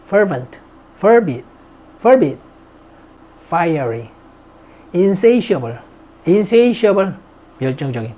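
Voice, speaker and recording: Speaking with a fairly high, slightly mellow voice, a man teaches English vocabulary in a recorded lesson. He says each word aloud, repeats it, and then glosses it in Korean.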